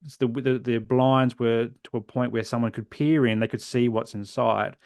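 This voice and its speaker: A South Australian man in his forties, a podcast guest, tells his own story earnestly and reflectively, often letting his phrases trail off softly. His medium-pitched voice is gravelly and steady at a normal speed, with no room sound.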